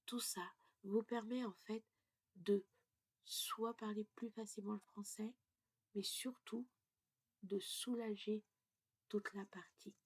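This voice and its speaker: A woman teaching French pronunciation in a casual lesson, explaining step by step, often dropping to a breathy half-whisper and checking in with "ok?". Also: mid-range voice, fairly even intonation. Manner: slow, deliberate delivery.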